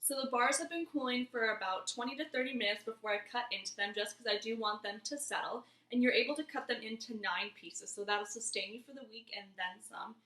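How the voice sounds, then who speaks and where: Slightly high and slightly fast, her sharp-toned voice runs with hardly any pauses. The speaker, a twenty-something cooking vlogger, gives an easygoing, chatty home-kitchen demonstration, talking viewers through each step amid roomy echo.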